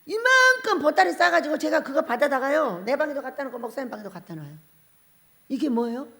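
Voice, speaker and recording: A woman pastor preaching a revival sermon, animated and laughing often as she puts questions to the congregation. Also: high-pitched, fast.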